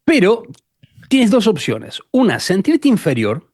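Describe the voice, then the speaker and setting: A man from Argentina with an Argentine accent, a guest telling animated stories in a conversational interview. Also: high-pitched, measured pace, no echo, clean studio sound. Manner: animated storyteller, acts out quotes.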